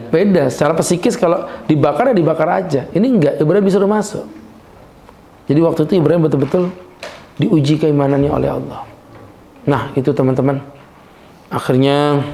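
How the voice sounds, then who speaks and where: A middle-aged man giving a humorous religious lecture as a preacher, joking and lively, laughing often and slowing down to stress his points. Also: fairly high pitch. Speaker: Islamic preacher. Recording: echoey room.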